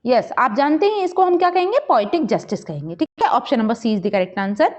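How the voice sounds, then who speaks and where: A high-pitched woman teacher leads an exam-prep quiz lesson. She reads each question slowly and explains it quickly. The recording is muffled and lo-fi. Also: sing-song.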